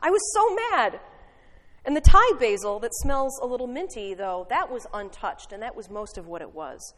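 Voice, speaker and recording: A woman pastor giving a sermon, telling a story in an animated, wry way. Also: medium pitch, moderate pace, long reverb tail.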